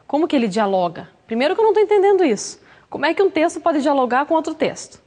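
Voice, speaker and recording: A woman's voice: high-pitched, big pitch swings, fast, darkish tone. A woman playing a protesting, confused student. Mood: incredulous. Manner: incredulous, protesting. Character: doubtful, confused student objecting in class. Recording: long hall reverb.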